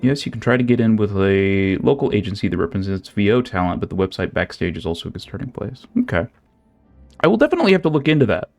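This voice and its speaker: A young man streams a game and chats casually, rambling with lots of fillers and restarts. He talks fast and very animatedly in a fairly low, darkish voice with vocal fry, and faint game music plays underneath.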